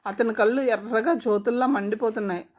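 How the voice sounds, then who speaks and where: Higher-voiced woman telling a story. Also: brisk, darkish tone. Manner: reads every character in her own voice, with small shifts. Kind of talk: story narration with character dialogue.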